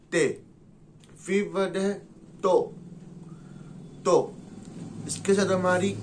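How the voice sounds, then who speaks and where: A man's voice: high voice, a little hiss or hum. A man teaching a beginner language lesson, saying each sound and then repeating it.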